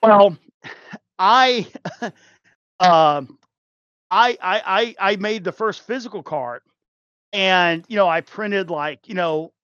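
A man with a high voice chats loosely as a podcast guest, circling back with fillers and restarts and laughing often. The sound is dry and a bit muffled. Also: slow pace, long pauses, a bit bright, clean tone, no echo. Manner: rambling, many fillers and restarts, laughs easily. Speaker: podcast guest, game developer. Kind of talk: casual chat.

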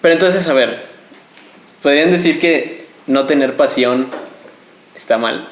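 A man's voice: fairly high pitch, unhurried, a little hiss or hum. A man, a podcast co-host in casual chat, who stops and repeats words as he thinks. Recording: echoey room.

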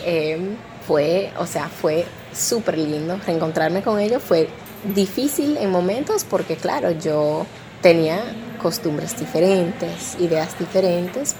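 A woman's voice: lowish voice, a little mellow, a little hiss or hum. Reflective woman recalling her life. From Dominican Republic. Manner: reflective, with frequent fillers and restarts. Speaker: interviewee. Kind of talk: personal testimony.

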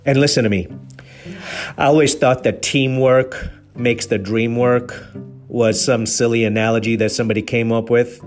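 An earnest man from Kenya delivers a motivational leadership talk in a middle-pitched voice. He preaches his points and keeps checking in with rhetorical questions. Soft music plays faintly behind him. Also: steady tone, normal speed. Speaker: podcast host.

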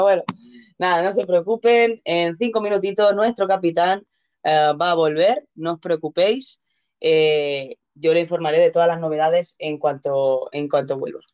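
A woman with a Castilian Spanish accent and a lowish, slightly mellow voice hosts a casual live show, chatty, playful, and full of exclamations. The recording sounds dull and lo-fi.

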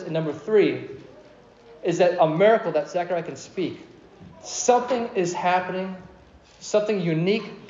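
Pastor, male, animated sermon, slightly high voice, echoey dull church recording. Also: slight background noise. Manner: animated, asks the congregation questions.

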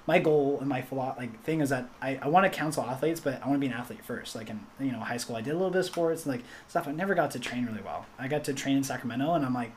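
A young man chatting casually, rambling with lots of fillers and animated storytelling. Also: mid-range voice, racing, hardly any pauses, slight background noise. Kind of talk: casual chat.

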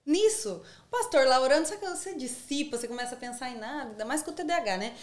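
A woman's voice: high voice, lively intonation, fast talker. A young adult woman with a Brazilian accent, a podcast guest telling a personal story in a casual, slangy way and acting out the lines she quotes. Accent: Brazilian Portuguese.

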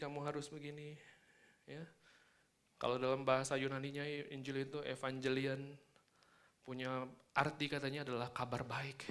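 Indonesian male preacher speaking with braces, forceful tone. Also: medium pitch. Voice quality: slightly impeded articulation from wearing dental braces. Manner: emphatic teaching with repeated check-in tags to listeners. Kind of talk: sermon.

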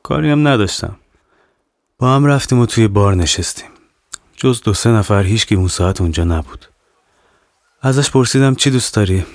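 A man narrating a serialized horror audio novel in the first person, calm and measured. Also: fairly low pitch, no room sound, studio quality. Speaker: narrator and author.

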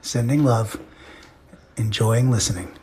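A man's voice: mid-range voice, a little slow, darkish tone. A man calling in to the show, talking into a phone held away from his mouth, gushing in short clipped phrases. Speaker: listener calling in. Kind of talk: casual call-in message.

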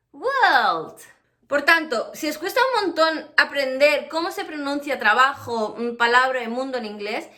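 Bright-voiced teacher drilling English sounds. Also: female voice, high voice. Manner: explains with many examples, then models English words slowly. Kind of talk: pronunciation lesson.

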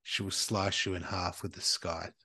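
A man's voice: sits low, flat delivery, moderate pace, husky, dry recording. A man co-hosting a casual podcast, reading out an urban legend and breaking into crude jokes. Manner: reads notes then jokes loudly, crude banter. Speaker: podcast co-host.

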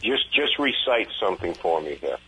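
Male radio co-host, deep and raspy with a bright, forceful edge, casual discussion. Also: very animated, normal speed, a little hiss or hum, low-quality recording. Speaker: radio co-host and event organizer. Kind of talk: casual talk-show discussion.

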